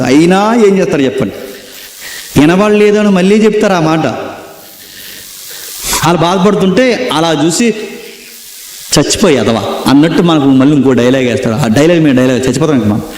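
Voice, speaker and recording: A man preaching a sermon in an animated way, asking his listeners questions. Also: fairly high pitch. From India. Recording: echoey hall.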